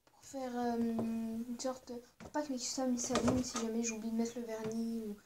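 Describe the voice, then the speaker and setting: A woman's voice: fairly high pitch, flat delivery, moderate pace, noisy background. A woman vlogging casually as she shows her collection, hesitant, with many fillers and asides. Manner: hesitant, full of "euh" and "voilà" fillers. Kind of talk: casual show-and-tell vlog.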